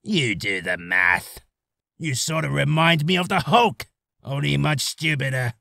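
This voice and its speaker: Man voicing Rocket Raccoon, brash and sharp. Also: a little high, lively intonation, measured pace, creaky, no room sound, studio quality, exaggerated voice. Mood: brash, taunting. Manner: brash, taunting, barking. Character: cocky, aggressive raccoon space soldier. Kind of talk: character voice reel.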